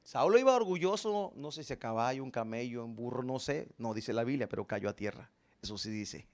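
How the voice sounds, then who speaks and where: A man's voice: medium pitch, expressive, brisk. A man preaching a sermon, telling the story dramatically and asking the congregation questions. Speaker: pastor.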